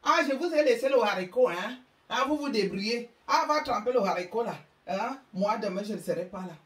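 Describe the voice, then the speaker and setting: A woman voicing a bossy mother who snaps orders at her children in a shrill, sharp voice, heard in a roomy space away from the mic. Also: expressive, normal speed, lightly acted. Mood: dismissive. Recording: roomy sound, mic far off.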